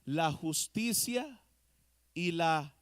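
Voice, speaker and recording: A man's voice: a little high, animated, very slow, smooth, no echo, studio quality. A man preaching a sermon as pastor, speaking straight to his listeners and asking the congregation questions. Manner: asks the congregation rhetorical questions; addresses listeners directly and earnestly. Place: church.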